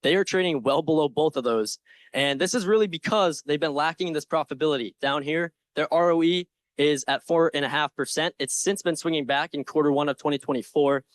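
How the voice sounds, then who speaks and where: Confident young man pitching, fairly high voice. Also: brisk, dry recording. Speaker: presenter in a stock pitch competition. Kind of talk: prepared slide presentation pitching an investment.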